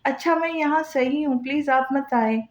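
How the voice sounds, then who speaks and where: A woman's voice: high-pitched, normal speed, close to an everyday voice. A woman voicing a frightened young wife who pleads timidly, in a roomy, dull lo-fi recording. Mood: pleading.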